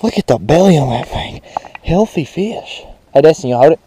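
Young man, lively excitable pond-fishing vlogger, action-cam mic, faint outdoor noise. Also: a little high, fairly quick. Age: young adult. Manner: excitable, shouts with joy over big catches. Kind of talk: casual vlog narration while fishing. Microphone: chest-mounted action camera.

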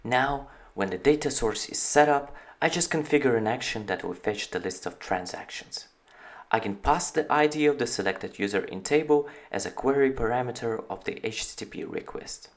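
The narrator is a man, the company's founder, voicing over a screen recording to demonstrate his product in a tutorial. His mid-range voice keeps a moderate pace and a steady, explanatory manner.

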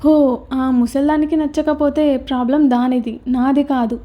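A woman voicing an angry, defiant young woman who shouts and talks back rudely in a storybook reading. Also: high-pitched, steady tone, moderate pace, highs cut off, natural voice. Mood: defiant anger. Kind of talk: storybook character voice.

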